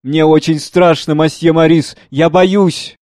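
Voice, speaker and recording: A man reads the part of a frightened young housemaid. She calls out urgently in a raised, higher voice. The recording is close and dry. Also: steady tone, unhurried, a little mellow, no echo, lightly acted. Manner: urgent, calling out. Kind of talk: dramatic play reading.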